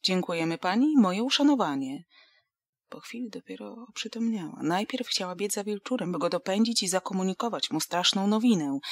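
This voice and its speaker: A woman reading a novel aloud as audiobook narrator, steady and expressive. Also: mid-range voice, vocal fry, breathy edge, no room sound, clean studio sound.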